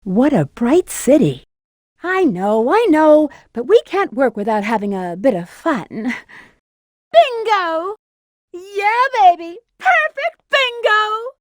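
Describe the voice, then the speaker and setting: A sassy, flirtatious female bat treasure hunter for a video game. Her high voice swings animatedly up and down with teasing confidence. The sound is close and dry. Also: very animated, slow pace, dry recording, full character voice. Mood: playful, excited.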